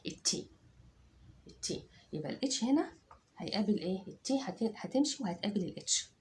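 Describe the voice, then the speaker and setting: Lively Egyptian woman teaching phonics. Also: medium pitch, fast talker, slight background noise. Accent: Egyptian Arabic. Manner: drills sounds aloud, repeats and checks understanding. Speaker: English teacher. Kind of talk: phonics lesson for children.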